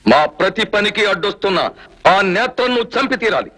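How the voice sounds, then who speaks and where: Sarpabhushan Rao, a high-voiced menacing villain. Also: male voice, animated, fast talker, pushed and bright, faint music behind, heavily acted. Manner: cold, menacing threats. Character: scheming male villain who blackmails a father. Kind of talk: Telugu film acting.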